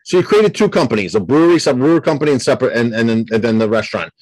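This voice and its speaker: A male interviewer asks questions with enthusiasm, often stumbling over repeated words as he begins. His voice is mid-pitched and recorded dry and close, with no room sound. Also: lively intonation, racing, a little mellow, no room sound, poor audio. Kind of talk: casual interview talk.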